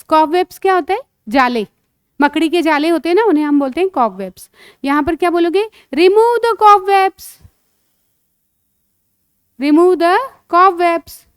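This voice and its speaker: High-voiced woman teacher, patient. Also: no room sound, studio quality. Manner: patient, repeats phrases slowly, quizzes with questions. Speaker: English teacher. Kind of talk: teaching lesson to children.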